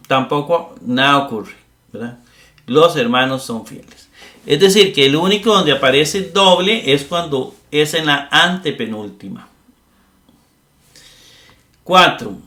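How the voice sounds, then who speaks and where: Man, grammar teacher, patient step-by-step lecture, bright tone, echoey room. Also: a little high. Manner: explains step by step, checks with "¿verdad?". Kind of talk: classroom lecture.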